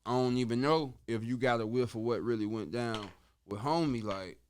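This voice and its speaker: A medium-pitched man guesting on a podcast tells a long story at a moderate pace, animated, profane, and heavy on slang. He acts out the voices of the people in it.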